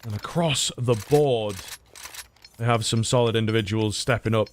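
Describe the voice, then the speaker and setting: A man's voice: lowish voice, normal speed, slight background noise. A man giving live analysis and commentary on an esports match as a caster.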